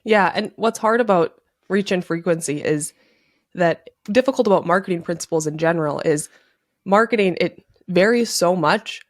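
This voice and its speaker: A woman's voice: lowish voice, normal speed, dry recording, studio quality. A woman hosting a podcast in casual chat, candid and self-deprecating. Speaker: podcast host.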